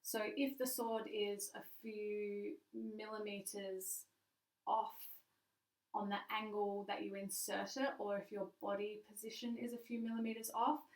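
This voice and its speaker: A woman's voice: mid-range voice, level tone, unhurried. A woman sword swallower giving a casual, frank show-and-tell, explaining informally and stressing key words. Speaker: sword swallower, stage performer. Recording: echoey room, distant mic.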